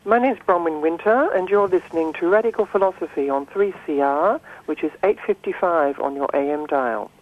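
A woman radio presenter giving a station ident in a brisk announcer-like delivery, heard through a narrow AM-radio sound. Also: lowish voice. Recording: tinny narrow band with faint music behind.

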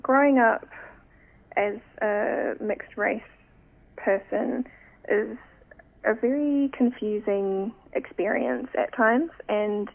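A young woman talks in a slow, reflective way, often pausing to find the right words. Her voice carries a gravelly fry, and it comes through thin and phone-like. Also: fairly high pitch. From New Zealand. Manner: thoughtful, searching, many pauses. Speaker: photographic artist, guest. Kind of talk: reflective interview talk. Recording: tinny phone-line sound.

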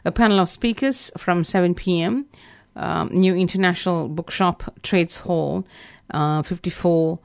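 Female AM community radio host, lowish gravelly voice, halting live announcement delivery. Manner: halting, stumbling reading of announcements. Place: radio studio.

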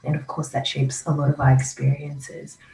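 Low-voiced woman host in an echoey room. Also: monotone, normal speed, gravelly, warm tone. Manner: reflective, encouraging murmurs. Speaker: podcast host. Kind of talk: conversational interview. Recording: echoey room, faint hiss.

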